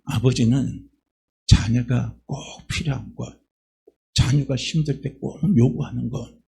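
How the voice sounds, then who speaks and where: A man pastor preaching a sermon in a church, with rhetorical questions and repeated phrases, building to loud emphatic passages. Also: medium pitch, fairly even intonation, a little slow, vocal fry, breathy edge. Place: church sanctuary.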